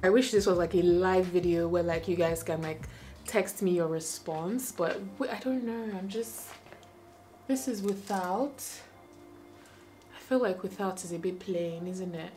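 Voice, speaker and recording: A woman's voice: on the low side, a little slow, mellow, soft background music. Chatty young woman vlogging. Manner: chatty and self-questioning, thinking aloud. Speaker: lifestyle vlogger. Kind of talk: casual chat to camera. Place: bedroom indoors. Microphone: camera close up.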